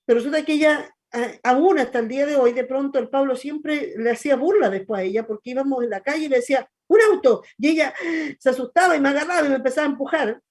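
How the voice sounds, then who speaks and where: Fast and fairly high, with a slightly mellow quality, this middle-aged woman's voice carries a Chilean Spanish accent. She's a pastor chatting and storytelling hesitantly on a church talk show meant for teaching.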